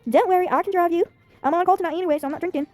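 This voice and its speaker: A woman's voice: very high-pitched, very fast, a little mellow, no echo, faint music behind, pitched above the performer's own voice. A woman voicing a friendly, chatty small-town woman in a story game, reading her lines upbeat and confiding.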